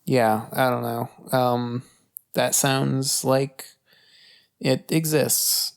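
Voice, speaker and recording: A young podcast co-host chats casually about movies, hesitant and swearing often. His medium-pitched voice stays level and very slow, creaky yet smooth.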